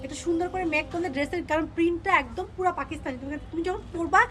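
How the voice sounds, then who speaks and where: A young woman selling clothes on a live stream, pitching each dress with pushy repetition and English words mixed in. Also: racing, background noise. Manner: repeats phrases, pushy upbeat selling, mixes English words. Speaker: online clothing seller.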